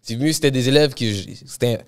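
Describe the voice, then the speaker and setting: A man from Montreal with a smooth, resonant voice talks about his shows as a podcast guest. His French is casual and slangy, and he slips easily into English. He keeps a laid-back pace throughout. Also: medium pitch, brisk. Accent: Montreal Québécois French. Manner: relaxed, slangy, switches to English. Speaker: musician guest. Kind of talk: casual interview chat.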